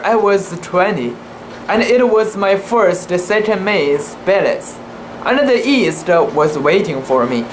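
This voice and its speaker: Reading a classic sea story aloud for a video, an amateur with a medium-pitched voice goes for drama but proceeds haltingly, sometimes stumbling over words. A steady hum runs through the noisy room.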